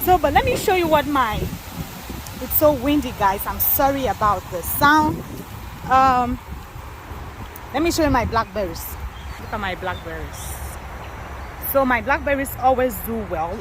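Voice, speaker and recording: A woman's voice: a little high, animated, unhurried, pauses often. A woman from Cameroon giving a casual tour of her garden, chatting to viewers as she walks. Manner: chatty, addresses viewers as guys. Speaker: gardening vlogger. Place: outdoor garden, windy. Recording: wind and traffic noise outdoors.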